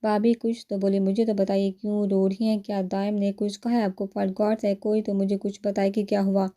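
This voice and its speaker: Worried young guy firing anxious questions , woman reading, dark mellow tone. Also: medium pitch, flat delivery, close to an everyday voice. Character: carefree young man, worried brother.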